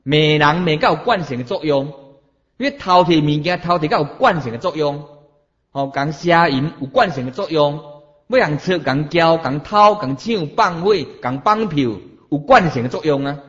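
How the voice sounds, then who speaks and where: A man's voice: on the high side, animated, normal speed. A middle-aged man preaching a Buddhist sermon, drawing out his phrases with emphasis and posing rhetorical questions to the listeners. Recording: dull lo-fi recording.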